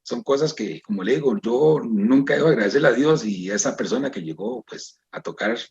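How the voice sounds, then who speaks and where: A man's voice: mid-range voice, expressive, a little fast, vocal fry, darkish tone, muffled recording. A man with a Costa Rican accent giving an emotional personal testimony to a church congregation, often calling out to his brothers and sisters. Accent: Costa Rican Spanish. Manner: emotional, repeats "hermanos" and "¿verdad?".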